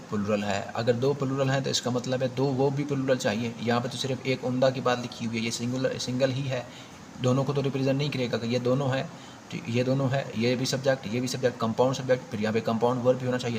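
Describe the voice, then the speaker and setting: A man's voice: mid-range voice, slight background noise. A man with a Pakistani accent teaching an exam prep grammar lesson, explaining step by step and repeating key points with emphasis.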